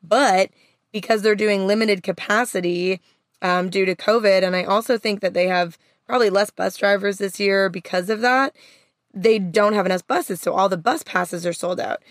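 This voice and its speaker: A woman chats casually as a podcast co-host in a small, dry space inside a van. Her pitch sits in the middle for a woman, and she talks in an everyday conversational way. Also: moderate pace, no echo.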